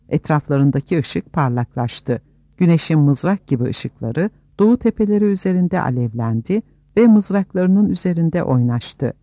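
A man's voice: on the high side, mellow, no room sound, highs cut off. A man narrating a fantasy audiobook with a dramatic storytelling delivery.

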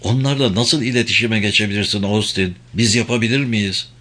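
A man voicing a calm female negotiator who speaks softly and evenly in an audiobook. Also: on the low side, brisk. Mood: soothing.

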